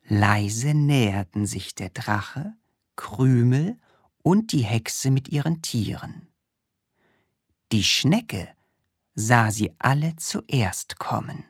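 A woman calmly and expressively reading a children's storybook aloud. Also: extremely low pitch, slightly rough, no room sound, studio quality. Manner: calm, very slow and expressive.

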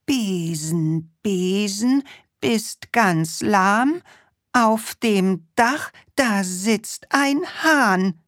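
A woman voicing a forgetful, flustered female witch in a storybook, chanting spells in a slow sing-song. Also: high-pitched, expressive, no room sound, voice pushed up, full character voice. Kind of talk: storybook reading.

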